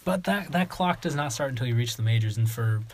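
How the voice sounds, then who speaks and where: A man co-hosting a sports podcast in casual chat, measured and explanatory with dry sarcasm. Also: mid-range voice, expressive. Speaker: podcast co-host.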